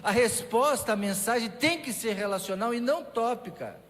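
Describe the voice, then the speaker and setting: A man's voice: extremely high pitch, moderate pace. Man, pastor, Brazilian Portuguese accent, conversational sermon, frequent restarts, long church reverb. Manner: conversational preaching with restarts and lively asides. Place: church sanctuary.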